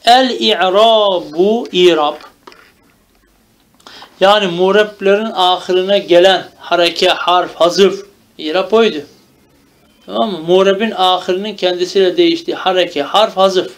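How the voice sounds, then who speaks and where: A man's voice: sits high, steady tone, normal speed. A man teaching a classical grammar text, reading each Arabic phrase and then explaining it in Turkish, often checking with "tamam?". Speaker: religious teacher.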